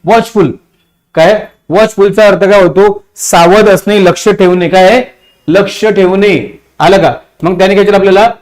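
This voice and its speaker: A high-pitched, slightly mellow male voice, steady in tone and at normal speed, belongs to a teacher with a Marathi accent. He drills vocabulary meanings repetitively for exam prep and keeps quizzing his class.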